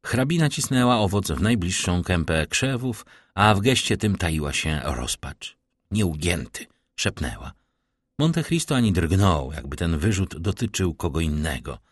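Male audiobook narrator, very deep voice, animated melodic reading, dry close recording. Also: normal speed, dry recording. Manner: expressive, varied reading. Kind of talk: classic novel audiobook narration.

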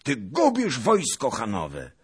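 A man voicing an angry, hoarse Tatar warlord in an audiobook reading, shouting threats. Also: medium pitch, wildly swooping pitch, slow, pitched above the performer's own voice, exaggerated voice. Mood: furious.

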